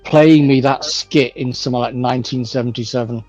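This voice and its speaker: A man's voice: mid-range voice, steady tone, fairly quick, a little mellow, no echo, highs cut off, soft background music. Man telling stories. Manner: storytelling, acts out lines with laughter. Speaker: co-host. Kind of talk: casual chat.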